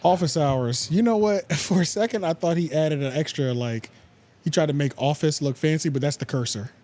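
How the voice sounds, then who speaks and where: A man's voice: on the high side, normal speed, darkish tone. A man co-hosting a casual podcast, chatting animatedly, laughing and swearing freely. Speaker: podcast co-host. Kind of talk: casual chat.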